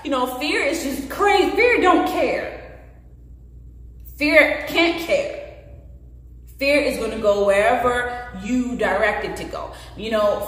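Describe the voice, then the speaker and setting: A woman in her late twenties talks candidly and earnestly to the camera in a personal vlog, gesturing as she speaks. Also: on the high side. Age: late 20s. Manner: earnest, expressive, gestures with hands while talking. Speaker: vlogger. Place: bare indoor room. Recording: very echoey room with long reverb.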